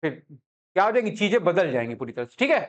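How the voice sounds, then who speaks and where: A man's voice: high-pitched, very animated, fast talker. A man teaching a commerce class in a chatty, joking way, often checking that students follow. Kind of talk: classroom lecture.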